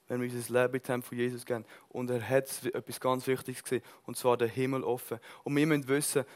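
A man preaching a sermon with passion, swinging between loud bursts and soft, earnest lines, and mixing in English words. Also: mid-range voice.

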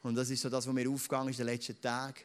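A man with a Swiss German accent preaching a sermon in a church, earnest and pausing often with fillers. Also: mid-range voice, completely flat delivery. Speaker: pastor. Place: church hall with a live audience. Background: band playing softly.

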